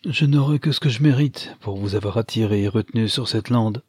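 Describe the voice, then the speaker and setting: A man's voice: on the low side, fairly quick, darkish tone, slightly rough, no echo, clean studio sound. A man reading an audiobook, voicing a young engineer who banters playfully. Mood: friendly. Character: young male engineer, teasing and gallant.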